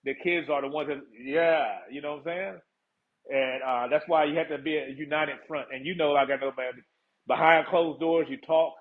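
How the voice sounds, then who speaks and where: A man's voice: on the high side, fairly even intonation, moderate pace. A man, a retired first sergeant, talking casually in an interview, laid-back and laughing often. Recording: tinny phone-like line.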